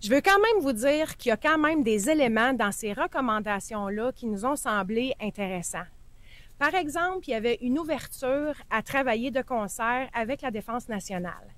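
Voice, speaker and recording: A woman's voice: fairly high pitch, animated, a little fast, a bit bright, no echo. A woman with a Quebec French accent giving a prepared public statement as a veteran's spouse and advocate.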